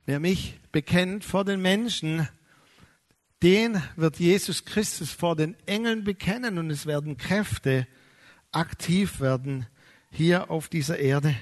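High-voiced man preaching with animated emphasis. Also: slow. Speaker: pastor. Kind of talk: sermon.

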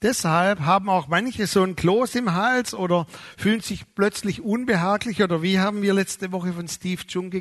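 A middle-aged man, a pastor, preaching a sermon with lively emphasis, slowing down on key words and acting out the voices of people he quotes. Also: sits high.

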